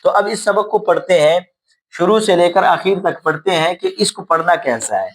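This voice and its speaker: Guy with a highish voice teaching kids quran reading, repeats each sound slow and clear. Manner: patient, repeats syllables slowly and clearly for learners; drawn-out drilled recitation of letter sounds. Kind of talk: tajweed lesson for children and beginners.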